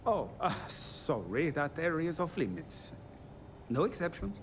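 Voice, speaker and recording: A man's voice: on the high side, very animated, measured pace, slight background noise. An actor voicing a polite, hesitant, chatty and bribable male starship engineer in a video game. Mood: apologetic, firm. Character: fussy, bribable male starship engineer guarding a restricted area.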